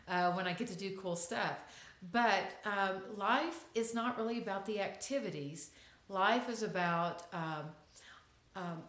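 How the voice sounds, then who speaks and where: This vlogger is a woman in her fifties with a Texas accent, speaking at mid-range pitch with a fairly bright tone. She gives a relaxed, reflective inspirational talk to camera, adding wry asides and plenty of ums, and the room echoes around her.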